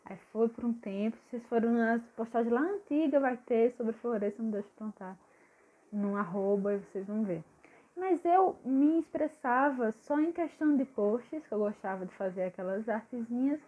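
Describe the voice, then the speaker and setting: Chatty young woman, tinny phone-like sound. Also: on the high side. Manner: chatty, lively, addresses viewers directly. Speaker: vlogger. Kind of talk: casual chat to camera.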